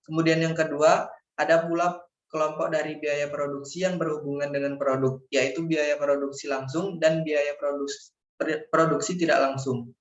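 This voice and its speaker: A young male university student formally reads a scripted slide presentation, occasionally stumbling over words. His voice is fairly high and level at normal speed, captured by a dull lo-fi microphone in an echoey room.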